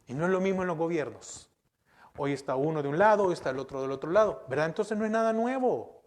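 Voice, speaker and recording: A middle-aged male pastor preaching with a fairly high voice. He puts questions to the congregation and answers them himself, stressing his points with repeated words. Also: expressive, fast. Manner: emphatic, repeats words and restarts. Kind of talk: sermon.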